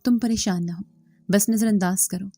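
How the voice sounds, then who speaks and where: A woman voicing a lively young college friend who teases and laughs, in a storybook reading over a dry recording with faint music. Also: mid-range voice, normal speed, no echo, lightly acted. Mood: teasing. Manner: bubbly, laughing.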